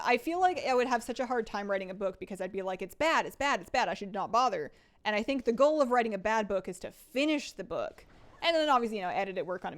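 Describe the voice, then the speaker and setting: A woman in her late twenties chatting casually on a live game stream, reading chat and joking about herself. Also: mid-range voice. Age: 20s. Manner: chatty, self-deprecating, reads chat aloud.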